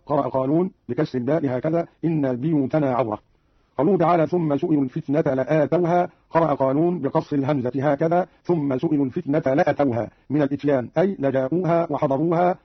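Fast, husky male radio explainer. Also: on the high side, no room sound. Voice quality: precise, even, formal delivery. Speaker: radio presenter explaining recitation readings. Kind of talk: formal scripted explanation. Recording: dull dry archival radio recording.

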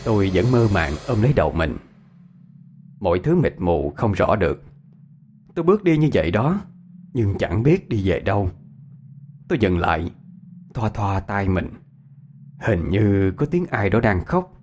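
A man's voice: measured pace, pauses often, slight background noise. A man narrating a ghost story expressively. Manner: expressive, varied pitch.

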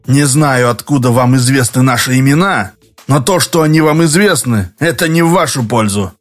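A man's voice: medium pitch, moderate pace, faint music behind, close to an everyday voice. A man doing a stern, formal security guard. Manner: formal, wordy, threatening.

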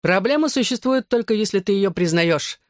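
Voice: mid-range voice, lively intonation, normal speed, no echo, clean studio sound, close to an everyday voice. A narrator voicing a cheeky, meddling teenage boy in an audiobook, teasing and theatrical. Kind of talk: audiobook character voice.

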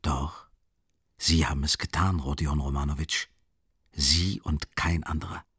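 An actor voicing a shrewd middle-aged investigator who speaks in a calm, insistent half-whisper. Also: male voice, fairly low pitch, moderate pace, creaky, husky, no room sound, clean studio sound, exaggerated voice. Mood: stern, quiet.

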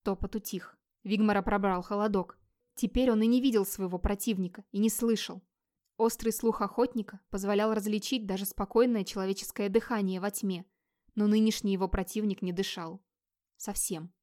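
A woman narrating a fantasy audiobook, steady and measured, building tension as she reads. Her voice sits at an ordinary middle pitch.

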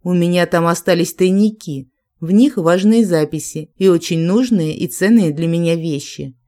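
A reader voicing a cautious young male inquisitor with a wry manner, in a calm, steady audiobook reading. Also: high voice, moderate pace, close to an everyday voice.

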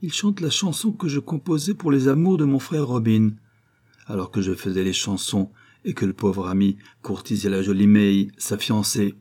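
Guy putting on a cheery old peasant bowman, storybook voice, kinda husky, mellow tone. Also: lowish voice, moderate pace. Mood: delighted.

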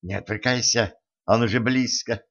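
A man's voice: medium pitch, normal speed, fairly bright tone, muffled recording, natural voice. A man voicing a fierce, impatient warrior princess. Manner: bloodthirsty, impatient, pushy. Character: fierce hot-tempered young woman warrior princess.

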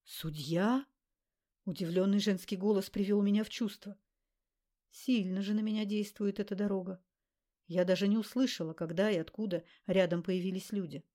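A woman narrating an audiobook in the first person with an even, measured reading. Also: medium pitch.

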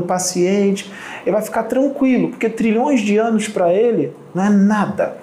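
A man with a fairly high voice delivers a channeled spiritual teaching, stringing phrases into long repetitive lists and asking rhetorical questions. He pauses now and then to clear his throat. The recording is roomy and echoey, with a faint hiss behind him. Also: darkish tone. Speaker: spiritual medium. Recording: roomy echo, faint background noise.

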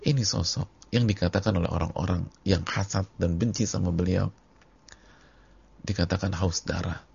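A man's voice: low-pitched, steady tone, moderate pace, vocal fry, darkish tone, slightly rough, dull audio. A male Islamic preacher giving a sermon, repeating phrases for emphasis and addressing the congregation directly. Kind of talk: sermon on a hadith book.

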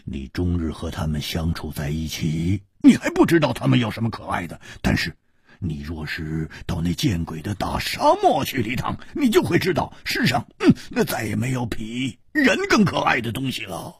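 A man's voice: on the low side, huge pitch swings, normal speed, vocal fry, husky, no room sound, studio quality, exaggerated voice. A man voicing a boisterous, hard-drinking male swordsman who grunts and sighs as he talks. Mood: hearty, boisterous. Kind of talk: storytelling dialogue.

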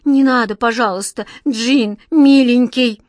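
A woman voicing a flustered, clumsy young girl who pleads in a high, hurried voice. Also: animated, no room sound, clean studio sound. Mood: pleading.

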